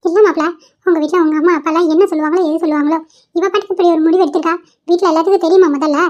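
A woman's voice: extremely high pitch, fairly even intonation, racing, a little mellow, muffled recording. A woman voicing a fussy, scolding old grandmother in a cartoon, pleading and nagging. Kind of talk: Tamil cartoon voice acting.

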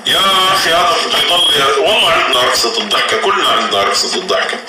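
A man doing fast, teasing live game commentary while hosting custom rooms and cheering players on. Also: on the high side, big pitch swings. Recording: roomy, distant mic, loud music.

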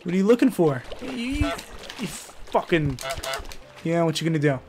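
Loud, rowdy, high-voiced young man. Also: very animated, moderate pace, background noise. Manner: rowdy, swearing, yelling taunts at game characters. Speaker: gaming YouTuber. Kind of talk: profane gameplay commentary.

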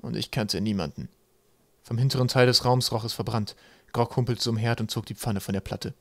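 A man reading an audiobook aloud in steady, even storytelling narration. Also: mid-range voice, a little fast, dry recording.

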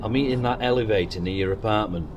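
A man's voice: on the low side, fast talker, background noise. Church leader guy, easygoing but fed up, chatty skit delivery, says mate a lot. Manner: casual, mildly exasperated, calls everyone mate.

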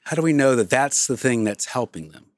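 A man's voice: medium pitch, lively intonation, fairly quick, dry recording. A man hosting a podcast, asking the guest probing, skeptical questions. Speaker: podcast host.

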